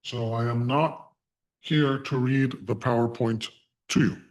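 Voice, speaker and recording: Male online instructor, voice electronically disguised to sound deep and unclear, speaking in measured phrases. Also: fairly even intonation. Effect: voice changer giving a disguised deep, Darth Vader-like voice. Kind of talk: live online lecture. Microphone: online video call through a voice changer.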